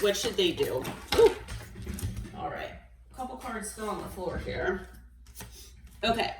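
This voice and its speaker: A woman giving a collective tarot reading in a gentle, encouraging way, often checking in with "okay?". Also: medium pitch, far from the mic. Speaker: tarot reader. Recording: roomy sound, voice away from the mic.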